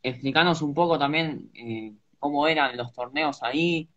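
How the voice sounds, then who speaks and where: A man's voice: on the high side, moderate pace, fairly bright tone. Young man, interviewer, hesitant with fillers, slightly muffled video-call sound. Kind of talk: casual interview questions. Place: home room, indoors.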